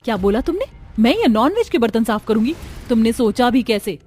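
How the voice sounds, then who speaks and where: A woman's voice: on the high side, sing-song, brisk, darkish tone, slightly rough. A woman voicing a proud, easily offended elder daughter-in-law in a cartoon story, speaking emphatically. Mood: indignant. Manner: indignant and emphatic. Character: elder sister-in-law, strict vegetarian, touchy and indignant young wife.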